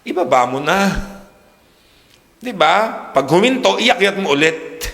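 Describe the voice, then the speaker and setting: A man's voice: sits high, expressive, unhurried, a bit bright, big-room sound. A male pastor giving a sermon, talking to the congregation in a chatty way, full of rhetorical questions and switching between English and Tagalog. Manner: conversational preaching, constant rhetorical "di ba?", mixes English and Tagalog. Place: church worship hall.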